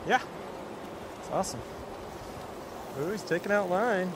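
A man's voice: sits high, measured pace, background noise. A man fishing alongside a friend outdoors on a river, chatting casually with enthusiastic remarks. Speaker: fishing companion. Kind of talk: casual chat while fishing.

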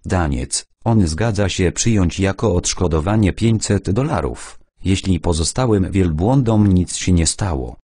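A man's voice: low voice, expressive, a little slow, hardly any pauses, warm tone, dry recording, studio quality. A man voicing a stern male steppe militia leader who bargains bluntly in an audiobook. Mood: bargaining. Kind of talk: audiobook character voice.

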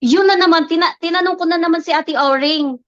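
Earnest high-voiced woman sharing testimony. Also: brisk, fairly bright tone, no room sound. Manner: earnest, mixes Tagalog and English, acts out quoted dialogue. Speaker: guest giving a testimony. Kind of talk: personal faith testimony, casual storytelling. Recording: slightly dull lo-fi, dry sound.

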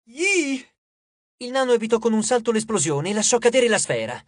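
Here a male narrator reads an audiobook quickly in a high, lively voice that rises and falls across each line, full of expressive energy. The sound is close-miked and dry, without any room sound.

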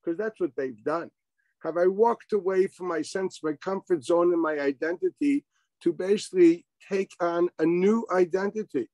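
A man's voice: high voice, moderate pace, a little mellow, no room sound, low-quality recording. A man teaching an informal Torah class over a video call, wry and sarcastic, firing rhetorical questions and sprinkling in Hebrew and Yiddish terms.

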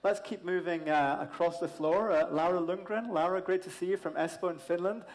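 Male moderator, 50s, slightly high voice, chatty with fillers and asides, on a large conference stage. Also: steady tone, brisk, low-quality recording. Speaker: panel moderator. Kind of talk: live event moderation.

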